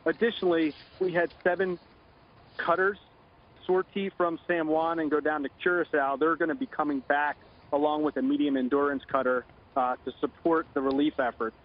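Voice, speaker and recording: A middle-aged man giving a halting official briefing in a live news interview over the phone. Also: on the high side, flat delivery. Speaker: Coast Guard commander, phone interviewee. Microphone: phone line. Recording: dull lo-fi phone line.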